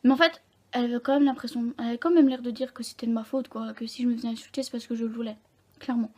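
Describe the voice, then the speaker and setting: Mellow-voiced young woman telling her story. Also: a little high, fairly even intonation. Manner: candid, halting, full of self-corrections. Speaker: vlogger. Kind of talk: personal storytelling to camera.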